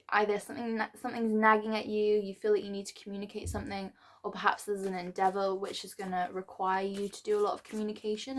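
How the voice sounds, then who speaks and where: A woman giving a casual, rambling tarot reading to a star sign, with many fillers and restarts and now and then clearing her throat. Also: medium pitch, a bit bright. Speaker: tarot reader.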